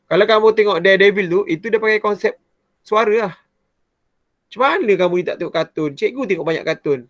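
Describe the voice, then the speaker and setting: High-pitched malaysian malay guy teaching kids science, chatty and animated, dry close sound. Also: fast talker, no room sound. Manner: chatty and animated, often starting with "ha". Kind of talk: explaining a lesson to pupils.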